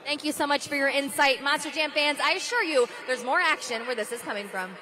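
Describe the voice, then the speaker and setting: High voiced lady pit reporter, live sports interview at the track. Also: fairly quick, noisy background. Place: on the track at a stadium event.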